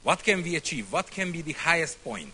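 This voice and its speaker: A man from Hungary, giving a speech to a congress in short phrases with pauses for an interpreter. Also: fairly high pitch, big pitch swings, bright, forceful tone, breathy edge. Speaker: congress speaker.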